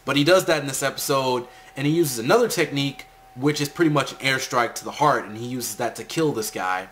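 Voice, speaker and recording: A man's voice: mid-range voice, brisk, fairly bright tone. Casual man recapping anime, faint background noise. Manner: conversational, opinionated asides. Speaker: anime episode reviewer. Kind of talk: casual episode recap and commentary.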